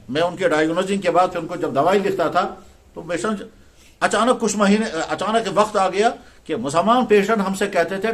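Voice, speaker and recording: A man's voice: sits high, a bit bright. A male Islamic scholar giving a religious talk in style storytelling, acting out quoted dialogue in a conversational way.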